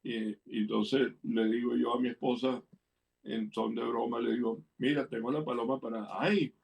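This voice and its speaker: A man's voice: mid-range voice, level tone, normal speed, creaky, a little mellow, recorded from a distance. An older man with a Venezuelan Spanish accent tells stories in an easy, playful way. He acts out the people he quotes as he goes. He sits a little back from the mic. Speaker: guest, interviewer's father. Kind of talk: anecdotal storytelling.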